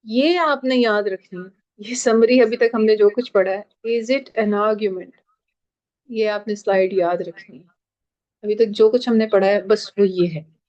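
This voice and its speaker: Slow-paced woman teaching online. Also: medium pitch, a little mellow. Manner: slow, mixes English and Urdu, explains step by step. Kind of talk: online class lecture. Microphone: video call. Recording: dull lo-fi video call audio.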